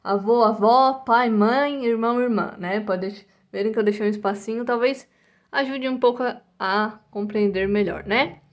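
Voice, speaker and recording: A woman's voice: on the high side, normal speed. A Brazilian woman teaching English to young children, patiently repeating each word and ending almost every phrase with a checking "tá?" or "né?". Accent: Brazilian Portuguese. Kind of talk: recorded online English lesson for first graders.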